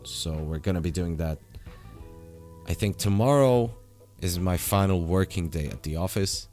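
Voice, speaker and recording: Young man, sore throat, very low voice, rambling casual vlog, faint music behind. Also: moderate pace, darkish tone. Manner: rambling, many fillers and restarts. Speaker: vlogger. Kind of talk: casual daily vlog update.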